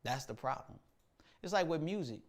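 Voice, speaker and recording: A man's voice: a little high, animated, normal speed. A man hosting a casual livestream, talking about music practice in a laid-back, slangy way, thinking aloud with lots of fillers. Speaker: musician and show host.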